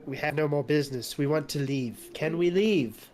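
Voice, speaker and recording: Man playing a courteous, apologetic adventurer, higher voice. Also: normal speed, a little mellow, slight background noise, natural voice. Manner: courteous, apologetic, plain simple phrasing. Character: polite, halting adventurer negotiating in simple giant-speak. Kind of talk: in-character tabletop role-play.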